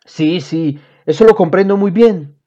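A woman reading aloud, voicing a calm, patient father in a children's storybook, speaking in a measured, soothing way. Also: on the low side, natural voice. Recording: dull lo-fi audio.

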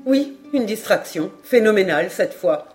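A woman reading aloud, voicing an excitable, absent-minded male geographer in a high, eager, exclaiming voice. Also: moderate pace, soft background music, lightly acted. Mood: agitated.

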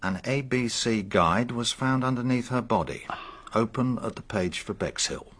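An actor playing a busy, matter-of-fact police inspector in a radio drama, reporting in clipped, businesslike phrases. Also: male voice, medium pitch, lively intonation, moderate pace, fairly bright tone. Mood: grim, businesslike.

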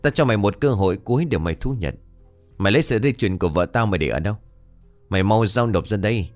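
A man's voice: lowish voice, expressive, fast, faint music behind, lightly acted. A man voicing a cruel, arrogant rich landlord villain, harsh and threatening. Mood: scornful.

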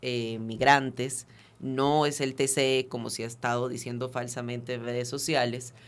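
Speaking flatly at an ordinary pitch, the Venezuelan man appears as an activist guest on a talk program, giving an earnest, detailed explanation of procedures. Fillers and restarted phrases interrupt him often.

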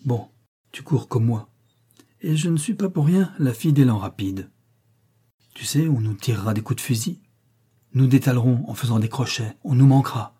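A man reading a storybook, voicing a bold, spirited young girl who talks in a quick, determined way. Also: medium pitch, warm tone, breathy edge.

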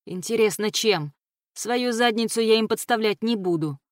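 A woman's voice: fairly high pitch, normal speed, no room sound, studio quality, close to an everyday voice. A woman reading an audiobook voices a weary, sarcastic male mercenary who grumbles sardonically. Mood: sardonic.

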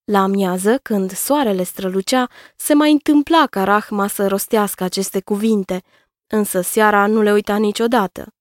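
A woman narrating a children's story in a calm, measured reading voice. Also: medium pitch, no echo, studio quality.

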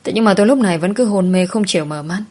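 A woman narrating a first-person audio story in a soft, sorrowful storytelling manner. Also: medium pitch, fast.

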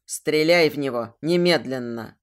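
A woman voicing a menacing male demon who mocks and barks orders in a lowered voice. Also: a little slow. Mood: commanding. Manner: mocking, barking orders.

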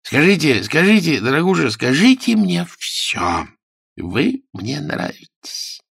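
A man's voice: on the high side, sing-song, slow, vocal fry, fairly bright tone, husky, no room sound, clean studio sound, pitched above the performer's own voice, heavily acted. A man voicing a tipsy, over-familiar male private detective who gossips, in an audiobook. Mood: fawning. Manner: drunken, over-familiar, giggly. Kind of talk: audiobook character voice.

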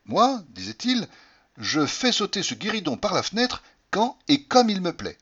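A man reading aloud and voicing a boastful older man telling an amusing anecdote, husky and animated. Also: high-pitched, moderate pace, voice pushed up, exaggerated voice. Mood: amused. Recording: dull lo-fi recording.

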